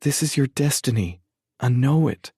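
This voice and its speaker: A man narrating an audiobook, voicing an excitable, emotional mother who can turn stern and pleading. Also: mid-range voice, moderate pace, husky, dry recording, studio quality, voice pushed up. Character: eager, emotional middle-aged mother.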